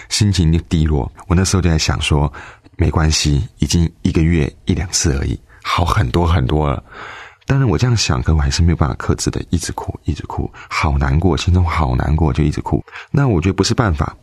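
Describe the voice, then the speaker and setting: A man's voice: very deep voice, animated, brisk, darkish tone, no echo, clean studio sound. A young man telling his faith testimony in an earnest, emotional way.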